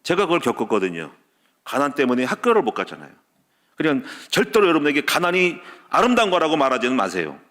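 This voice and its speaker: A man preaching a sermon as pastor, stacking short repeated clauses and telling personal stories, with loud peaks and quiet dropped endings. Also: on the high side, wildly swooping pitch, fast. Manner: tells personal stories with laughter. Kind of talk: Wednesday service sermon.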